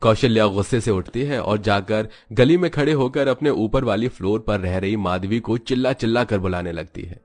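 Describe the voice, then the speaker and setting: A man narrating an animated moral story in a scripted, even storytelling way. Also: on the low side, normal speed, hardly any pauses, soft background music.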